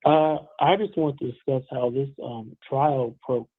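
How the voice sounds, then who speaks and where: A man's voice: mid-range voice, a little slow, dry recording. A man from Virginia calling in to a live show over a muffled Bluetooth phone line, speaking hesitantly with many ums and restarts. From Virginia, USA. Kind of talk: call-in commentary. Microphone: Bluetooth headset on a phone call.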